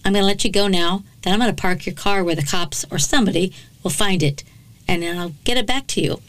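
A woman's voice: mid-range voice, fast, no room sound, close to an everyday voice. A woman reading the lines of a resentful, threatening male criminal in a true crime story, in a coarse manner. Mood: falsely calm. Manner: coarse, threatening, self-justifying.

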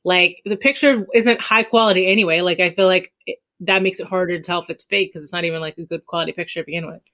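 A woman's voice: lowish voice, fairly even intonation, fast talker, a bit bright. A woman debating casually on a podcast in an informal, skeptical way.

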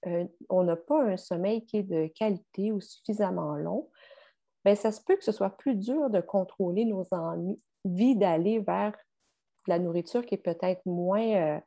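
A woman's voice: medium pitch, measured pace. A woman with a Québécois French accent, explaining sleep science as a guest in a podcast conversation, with frequent fillers. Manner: explanatory, steady, many fillers.

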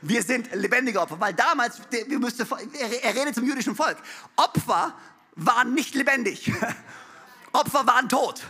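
Man, pastor, sermon, very high voice, emphatic building refrains, playful asides. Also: lively intonation, normal speed, bright, forceful tone.

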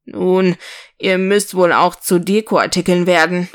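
Woman reading a steady nutcracker soldier, thoughtful, slow and calm. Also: on the low side, natural voice.

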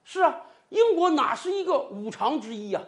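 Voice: sits high, sing-song, normal speed. A political commentator in full opinion mode, voice swinging widely up and down to mock and emphasize. The delivery is sarcastic and pointed, with heavy stress on scornful phrases.

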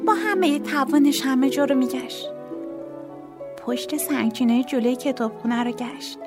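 A woman with a high voice reads a children's storybook aloud. She tells it expressively and lively, with faint music playing softly behind her.

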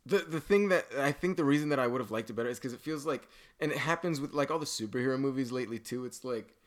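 A man's voice: medium pitch, quick pace. A man co-hosting and producing a podcast, chatting casually about a movie in a teasing, rambling way with lots of fillers. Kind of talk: casual movie-review chat. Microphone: podcast microphone.

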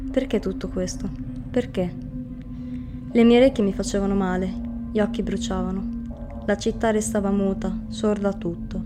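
A woman reading a dark first-person story aloud in a flat, grim narrating manner. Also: medium pitch, normal speed, long pauses. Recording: music bed under the reading. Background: music underneath.

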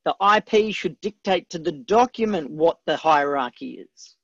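A man hosts a live teaching webcast, talking emphatically and answering viewers as he goes. His voice has a gravelly edge. The sound is dry and a little dull, with no room around it. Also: a little high, animated, moderate pace, dry recording. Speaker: webcast host and book coach.

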